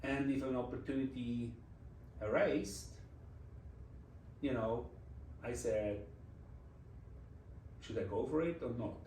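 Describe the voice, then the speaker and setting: A Swiss man in his forties, a design executive, is a guest in a casual interview, reflecting in English, his second language, with a Swiss German accent, non-native phrasing and restarts. His medium-pitched, darkish voice moves slowly with frequent pauses. He's off-mic and distant in a roomy, echoey space, with a little hiss or hum.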